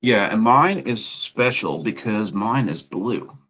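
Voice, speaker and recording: The host, a man with an Australian accent, sews while chatting casually and telling rambling, um-filled stories. His lowish voice has lively intonation and a slightly bright tone, delivered at a slow pace in a slightly rough recording.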